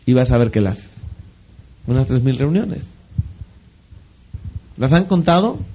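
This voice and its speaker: A man's voice: mid-range voice, expressive, unhurried, a little hiss or hum. A man giving a motivational training talk on network marketing, repeating phrases for emphasis and constantly asking the audience rhetorical questions that he answers himself. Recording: slightly dull lo-fi recording.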